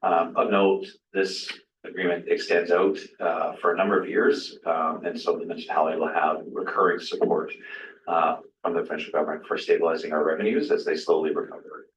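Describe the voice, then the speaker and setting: A man giving a formal report as a municipal administrator in a measured, procedural way. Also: sits low, level tone. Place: indoor council chamber. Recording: distant, echoey, dull room sound with noise.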